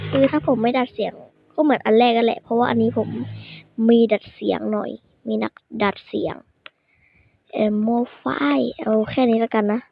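A woman's voice: fairly high pitch, gravelly. A woman vlogging casually to her viewers, rambling and self-critical, often restarting her sentences, recorded on a phone. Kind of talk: casual vlog talk to viewers. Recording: tinny phone-like, dry sound.

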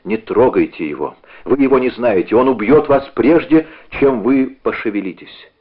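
A man's voice: medium pitch, animated, normal speed, breathy edge. A man reading as a pleading distraught woman. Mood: urgent. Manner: urgent, pleading. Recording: narrow phone-like audio.

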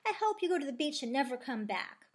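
A woman's voice: on the high side, lively intonation, normal speed, breathy edge. A woman voicing a jealous, boastful female plush stingray toy. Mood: huffy.

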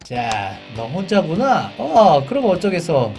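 A woman voicing a cocky, threatening male cartoon brawler in a gruff low drawl, with music underneath. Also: big pitch swings, takes it slowly, heavily acted. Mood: menacing.

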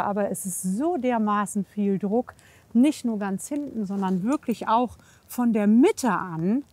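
Out at a horse yard in wind and rain, a woman who works as a horse physiotherapist and trainer demonstrates hands-on in a relaxed way, explaining as she goes and soothing with brief, repeated reassurances. Her pitch is fairly high and a little mellow, with no room sound.

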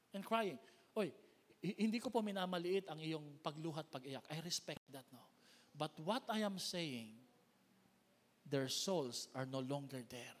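A Filipino man preaching a sermon as pastor, with big swings in pitch and loudness, recorded in a church hall. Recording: long hall reverb.

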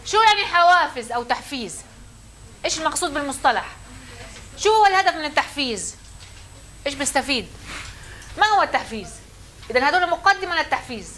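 A woman's voice: sits high, bright, forceful tone, slight background noise. A woman lecturer, teaching a classroom and questioning her students.

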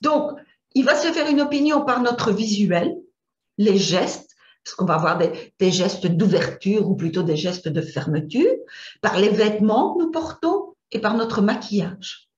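A middle-aged Belgian woman with a Belgian French accent teaches an image coaching lesson over slides. Her medium-pitched, darkish voice is expressive and a little slow, and she often hesitates and repeats words while searching for them. The sound is roomy, dull and lo-fi.

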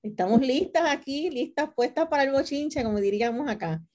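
On a video call from a room lined with bookshelves, a middle-aged theology professor from Puerto Rico gives a conversational self-introduction as a panelist, frequently checking in with tag questions. Her voice sits high and sounds mellow, animated and fairly quick, captured by a computer mic.

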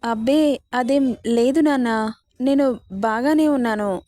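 A shy, subdued young bride in a storybook tale, hesitant and quiet in her replies, as a woman narrator voices her. The tone is fairly high and mellow. The sound is close and dry. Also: measured pace, no room sound.

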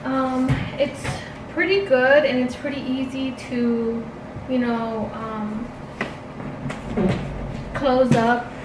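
A woman's voice: high-pitched, fairly even intonation, very slow, pauses often, background noise. A woman freelance makeup artist chatting casually in a vlog, full of "um" and "like". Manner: chatty, many fillers like "um" and "like".

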